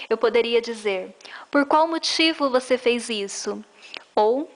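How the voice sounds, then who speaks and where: A woman teaching a grammar lesson, explaining rules patiently and reading out example sentences. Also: sits high.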